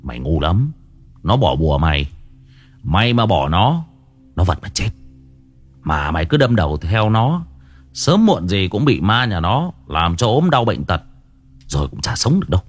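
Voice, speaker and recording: A man's voice: very deep voice, moderate pace, pauses often, voice pushed down. A man voicing a stern elder brother who scolds and gives orders. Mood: scolding.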